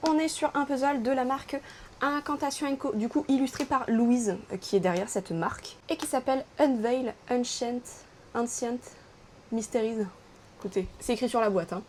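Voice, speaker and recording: A woman's voice: high-pitched, brisk, a little mellow, slight background noise. A young French woman chatting enthusiastically in a casual vlog about puzzles. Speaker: puzzle YouTuber.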